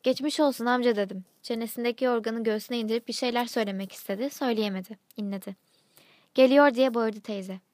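A woman's voice: on the high side, steady tone, fast talker, hardly any pauses, darkish tone, dry recording, studio quality, lightly acted. A woman voicing an elderly village woman, worried and plain-spoken, with terse, simple speech. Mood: anxious.

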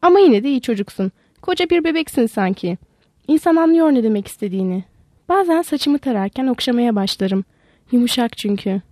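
A woman's voice: on the high side, animated, brisk, a little mellow, no echo. Woman playing a vain, chatty young wife. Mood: coaxing.

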